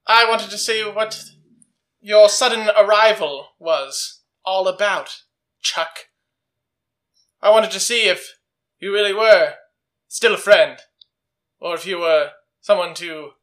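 A man voicing Jack, a wary former aviator, slow and accusing toward an old friend. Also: sits high, a bit bright.

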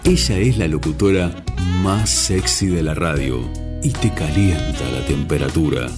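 A man narrating a radio promo in a sultry, measured manner, as an announcer. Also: sits low. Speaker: jingle and segment announcer. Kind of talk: slow sultry promo narration over music. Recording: loud guitar music behind the voice. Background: loud plucked guitar music.

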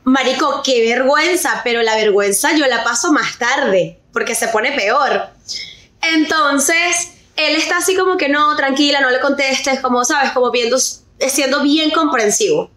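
A young woman with a Venezuelan accent, co-hosting a podcast and telling a story in animated casual chat, slipping English words into her Spanish. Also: high-pitched, a little slow. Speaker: podcast co-host. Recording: roomy echo.

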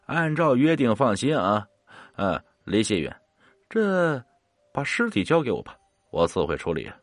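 A man's voice: medium pitch, sing-song, measured pace, no echo. A man voicing a menacing, coaxing ghost bound in a bottle who craves human blood. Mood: gloating.

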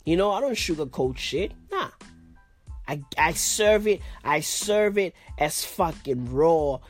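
A man's voice: a little high, expressive, takes it slowly, faint music behind. A man with a blocked-up nose hosting a casual solo podcast from his bed, swearing often and repeating himself in loose slang. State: congested, blocked-up nose and sinuses. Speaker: podcast host.

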